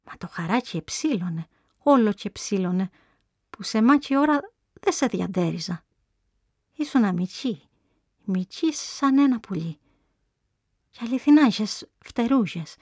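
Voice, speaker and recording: A woman's voice: mid-range voice, lively intonation, long pauses, a little mellow, slightly rough, dry recording, studio quality. A woman voicing an anxious older mother who eagerly tells her sick daughter a hopeful dream.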